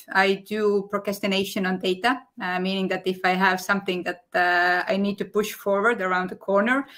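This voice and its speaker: A woman's voice: mid-range voice, fairly bright tone. A woman who founded a recruitment community, introducing herself plainly on a video call. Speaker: community founder, panel guest.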